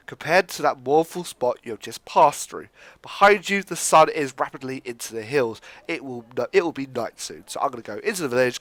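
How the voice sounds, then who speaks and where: A man's voice: mid-range voice, fairly bright tone, no room sound. A young man hosting a gameplay video, chatting upbeat and reading the game text aloud. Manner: upbeat, chatty, frequent fillers and restarts. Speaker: gaming video host.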